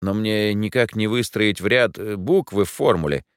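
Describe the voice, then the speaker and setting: A man's voice: lowish voice, moderate pace, clear, resonant tone, no room sound, studio quality, natural voice. A man voicing a confused, forgetful man who stammers and hesitates. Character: flustered, forgetful middle-aged man.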